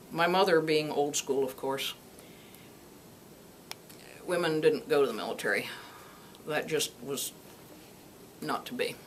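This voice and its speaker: A woman in her sixties, a retired Air Force colonel, telling her life story in a lively way, laughing often. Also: low voice, slight background noise. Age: 60s. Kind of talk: personal storytelling interview.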